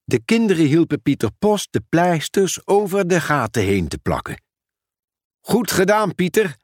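A man reading a children's storybook aloud in a measured, expressive way. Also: fairly high pitch, no room sound, clean studio sound. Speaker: narrator.

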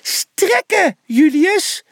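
A man voicing an excitable little male mouse in a storybook reading, high and squeaky. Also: unhurried, no echo, clean studio sound, exaggerated voice. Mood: urgent.

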